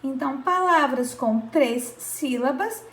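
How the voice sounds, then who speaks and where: Patient teacher, woman, roomy sound. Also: sits high. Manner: slow, patient, stretches out syllables, checks in with "certo?". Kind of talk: children's grammar lesson.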